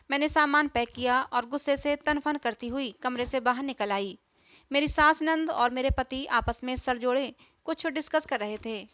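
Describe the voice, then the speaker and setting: A woman's voice: high-pitched, fairly bright tone, no room sound. A woman narrating a family story in the first person, earnest and emotional.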